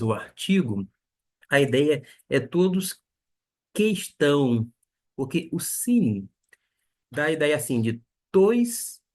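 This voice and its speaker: Slow, husky Greek teacher. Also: male voice, mid-range voice, a little mellow. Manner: slow and deliberate, spelling out pronunciations. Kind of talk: beginner language lesson.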